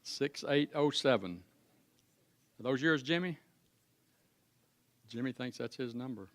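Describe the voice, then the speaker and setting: A man in his seventies emceeing a class reunion in a school cafeteria, calling raffle numbers slowly in a folksy, joking way. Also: mid-range voice, expressive. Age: 70s. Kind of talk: casual event announcing.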